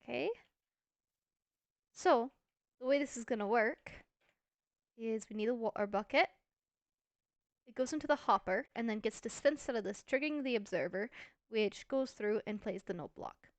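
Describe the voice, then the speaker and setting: A woman's voice: fairly high pitch, moderate pace, long pauses, no room sound. A woman hosting a casual gameplay video, chatty and thinking aloud with playful self-mockery. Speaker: Minecraft let's-play host.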